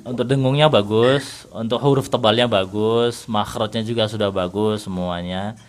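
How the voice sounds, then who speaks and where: A man's voice: lowish voice, steady tone, normal speed. Patient Indonesian man teaching Quran recitation. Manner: patient, corrective, asks leading questions. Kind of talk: interactive online recitation lesson.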